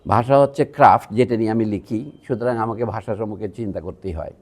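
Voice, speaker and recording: A man's voice: lowish voice, a little fast, a little mellow. A man from Bangladesh giving a public lecture at a university, talking in a digressive, conversational way with asides to the audience. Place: university museum hall.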